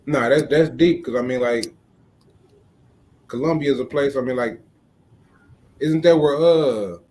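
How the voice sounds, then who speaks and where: A man's voice: medium pitch, measured pace, darkish tone. A man hosting a casual interview, easygoing and full of conversational fillers. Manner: easygoing, lots of "you know what I'm saying". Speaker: host.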